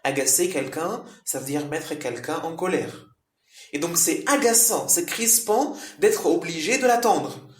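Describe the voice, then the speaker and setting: High-voiced man teaching French vocabulary. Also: roomy sound. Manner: slow, repetitive explaining with frequent "hein" and "euh". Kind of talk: explaining vocabulary to learners.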